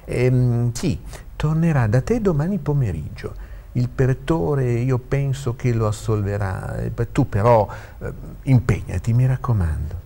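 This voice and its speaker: A man voicing an elderly, authoritative father who speaks in a measured, gently instructing way, in a read-aloud story. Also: medium pitch, lively intonation, creaky, pitched above the performer's own voice.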